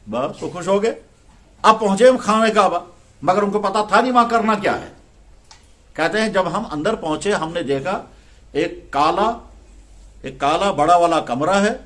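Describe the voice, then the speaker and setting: A man's voice: high-pitched, fairly bright tone. A male Islamic scholar giving a religious talk in style storytelling, acting out quoted dialogue in a conversational way.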